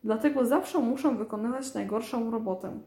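A woman's voice: fairly high pitch, moderate pace, warm tone, roomy sound, lightly acted. A woman voicing a grumpy, wary plump male cat who grumbles sulkily. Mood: grumbling. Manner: grumbling, sulky.

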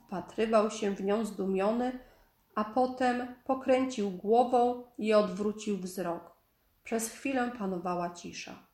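A woman reading a children's story aloud in a calm, measured storytelling manner. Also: medium pitch. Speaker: storybook narrator. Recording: echoey room.

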